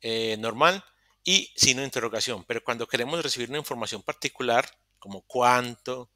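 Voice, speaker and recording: A man's voice: mid-range voice, fairly quick, sharp tone, dry recording, studio quality. A man teaching English grammar in an online class, explaining step by step, repeating phrases and correcting himself as he goes. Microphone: computer microphone in a virtual session.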